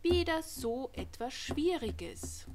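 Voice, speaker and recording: A woman's voice: sits high, animated, slow pace, a little mellow, slight background noise, pitched above the performer's own voice. A woman doing a determined Christ Child. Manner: earnest, determined.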